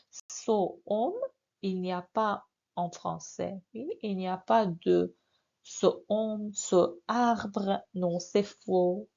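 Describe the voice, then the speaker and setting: A woman's voice: medium pitch, vocal fry, dark tone. A woman teaching a French grammar lesson, repeating words for learners and checking in with frequent "oui" and "n'est-ce pas". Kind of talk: slow, repetitive grammar lesson. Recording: dull lo-fi audio.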